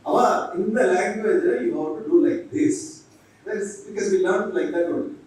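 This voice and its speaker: A monk with a warm, high-sitting voice gives a very slow, humorous lecture to teachers. He jokes and acts out short dialogues, switching between English and Tamil. The sound comes from far off in an echoey hall.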